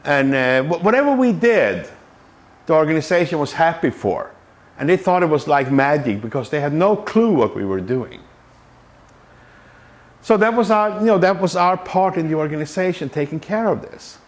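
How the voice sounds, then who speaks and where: A Swedish Scrum trainer speaks to a meetup group in a meetup room, giving a conversational conference-style talk full of fillers and restarts. His voice sits on the high side with big swings in pitch, and he keeps a moderate pace.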